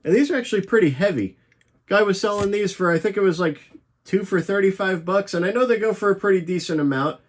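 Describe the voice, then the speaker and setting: Casual young man, high voice, enthusiastic collector chatting through his haul. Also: fast. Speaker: model train vlogger. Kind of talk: casual show-and-tell vlog.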